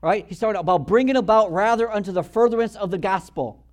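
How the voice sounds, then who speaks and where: A man preaching a sermon as pastor, acting out quotes and swinging between quiet storytelling and loud bursts, often repeating words as he restarts. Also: high-pitched, quick pace.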